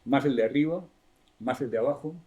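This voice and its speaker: A male university lecturer with a Spanish accent talks through a classroom lesson. His voice is mellow and dark, at an ordinary middle pitch. He explains patiently, keeps checking in with the class, and rephrases himself mid-sentence. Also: brisk. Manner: explanatory, asks the class questions, self-correcting.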